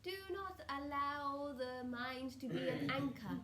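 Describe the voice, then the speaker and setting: A woman channelling a benevolent, solemn spirit collective like a seance medium, speaking in deliberate, drawn-out phrases with hushed endings and loving guidance. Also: high-pitched. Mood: reassuring, solemn. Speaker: trance channeller answering audience questions. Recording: roomy echo with faint background noise.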